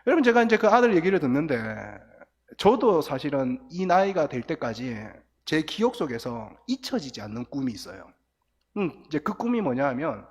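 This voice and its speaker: The guest pastor, a middle-aged man with a slightly rough, somewhat high voice, gives teenagers an animated, story-driven sermon, dramatizing crying and quoted lines. His words carry through the church sound system, recorded from the booth amid long sanctuary reverb.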